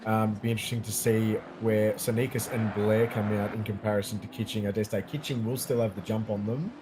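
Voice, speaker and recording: A man co-commentating a live race, calmly explaining incidents and pit strategy. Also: fairly low pitch, noisy background. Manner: measured, explanatory, calm analysis. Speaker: sim racing co-commentator.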